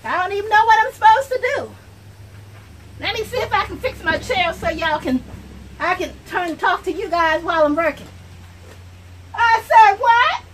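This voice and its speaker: A woman's voice: extremely high pitch, animated, normal speed, long pauses, a bit bright, a little hiss or hum, voice pushed up. A woman playing a chatty, brash 82-year-old woman in a comic monologue, rambling and talking straight to viewers. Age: older. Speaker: comedic character sketch. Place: outdoors.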